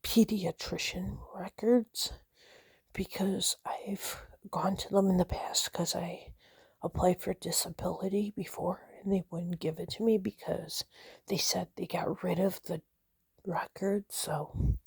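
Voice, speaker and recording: A woman whispering a personal vlog, nervous and shaky, halting with many fillers and restarts. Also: fairly low pitch, fairly even intonation, gravelly, darkish tone, slightly rough, no room sound. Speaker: vlogger.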